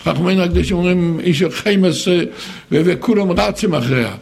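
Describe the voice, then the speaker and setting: An older man giving an animated sermon, acting out other people's words in raised voices. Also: high voice, gravelly, slightly rough.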